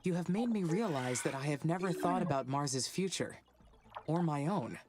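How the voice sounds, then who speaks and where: A measured female AI, low and even, faint hiss behind. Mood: calm. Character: calm female AI orbiting a planet.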